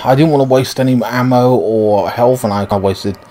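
A man's voice: medium pitch, moderate pace, very noisy. A man giving casual, rambling, sweary commentary as he plays a video game. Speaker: gaming video host.

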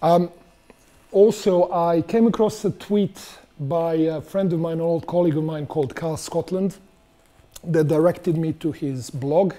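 A man's voice: a little high, steady tone, unhurried, mellow. A middle-aged man giving a conversational conference talk on stage in a large auditorium, putting questions to the audience. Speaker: conference speaker.

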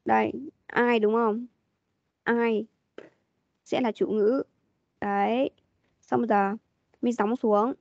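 A woman's voice: fairly high pitch, fairly even intonation, takes it slowly, long pauses, a little mellow, dry recording. A woman teaching an online English class, patiently prompting and repeating her questions over a video call. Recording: dull lo-fi meeting audio.

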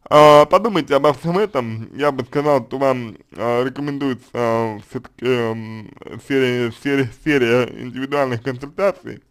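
A man answering a listener's question as a consultant, unscripted, calm and hesitant, with many fillers and restarts. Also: medium pitch, normal speed, few pauses, clear, resonant tone. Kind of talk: unscripted spoken advice.

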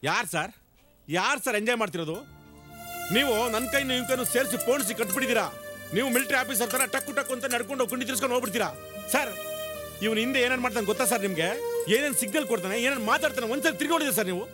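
A man's voice: very high voice, very fast. An actor playing a comic, complaining male police constable who whines theatrically. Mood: whining. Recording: film soundtrack with music.

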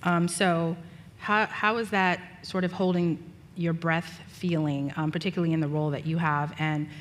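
Low-voiced woman moderating on stage. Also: steady tone, moderate pace. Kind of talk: onstage interview. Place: large conference stage. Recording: long hall reverb, faint room noise.

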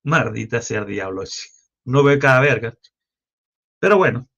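A man's voice: mid-range voice, lively intonation, normal speed, gravelly, fairly bright tone. A Venezuelan man with a Venezuelan accent, hosting a livestream and ranting in a crude, mocking, rambling way. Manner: foul-mouthed, mocking, loose and rambling. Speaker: livestream host. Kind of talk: crude political livestream rant. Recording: muffled lo-fi livestream audio.

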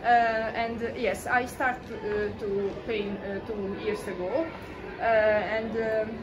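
A woman in her forties from Hungary with a Hungarian accent, talking about her paintings in a halting way with many fillers. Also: medium pitch, fairly even intonation. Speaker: exhibiting artist. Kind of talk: informal gallery talk. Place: small gallery room with pictures on the walls. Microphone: far camera. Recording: distant mic with room noise.

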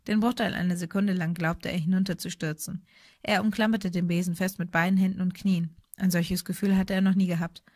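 A woman narrating an audiobook with steady storytelling. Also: lowish voice, fairly quick, dry recording, clean studio sound. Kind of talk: scripted narration.

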